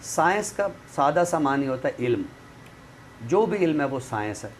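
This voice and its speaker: A man with a fairly high voice and big swings in pitch talks at a moderate pace. He's a literary expert guest who explains in a conversational, teacherly style, often checking comprehension with tag phrases. The room is clearly noisy.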